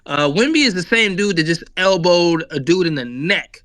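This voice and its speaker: A man with a bright, fairly high voice debates basketball on a podcast, leaning on "um" and hammering the same lines over and over. The sound is close and dry, with no room around him. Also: lively intonation, moderate pace, dry recording. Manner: repeats phrases stubbornly, many fillers. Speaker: podcast co-host. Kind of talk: casual sports debate.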